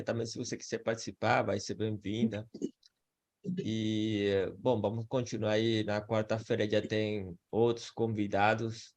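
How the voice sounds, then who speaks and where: Brief: Venezuelan man, native Spanish speaker, low and friendly, close dry audio. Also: dry recording. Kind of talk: casual online chat.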